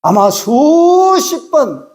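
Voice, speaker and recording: Animated preaching male pastor. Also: extremely slow. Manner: animated preaching, acting out quoted lines with jumps in pitch; mixes in English phrases and teasing asides to the congregation. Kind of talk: sermon.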